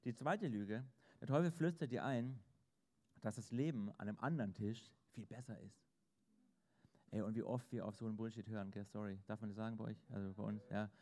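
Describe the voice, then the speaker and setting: A man preaching a sermon in a lively, conversational way and acting out inner voices. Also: on the low side, brisk. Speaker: pastor.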